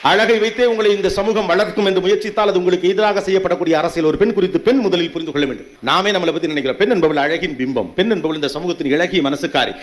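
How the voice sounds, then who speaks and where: A man's voice: high-pitched, very fast, few pauses. A man giving a motivational speech to an audience, emphatic and full of rhetorical questions and punchy repetitions. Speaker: motivational speaker.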